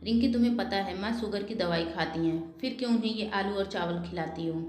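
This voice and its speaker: A woman's voice: medium pitch, a little fast, a little mellow, natural voice. Woman doing a grumpy defensive brother, echoey room. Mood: irritated.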